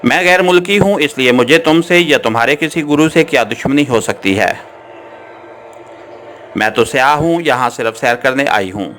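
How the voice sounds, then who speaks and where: A man voicing a captured young Swiss woman in an audiobook, firm at first and then begging, over soft background music. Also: mid-range voice, slight background noise. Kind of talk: audiobook character reading.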